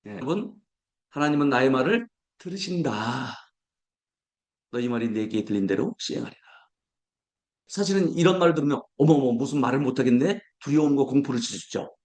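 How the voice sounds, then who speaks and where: A male pastor preaching a sermon, acting out everyday complaints with a raised voice and slowing down to recite scripture. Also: mid-range voice, lively intonation, a little mellow.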